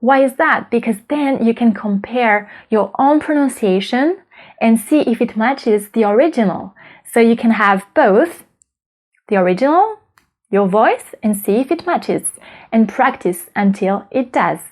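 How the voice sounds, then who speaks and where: Lady teaching pronunciation, bit high voice, upbeat and clear. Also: animated, darkish tone. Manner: upbeat, demonstrates sounds slowly and clearly. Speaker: French teacher. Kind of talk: pronunciation lesson to camera.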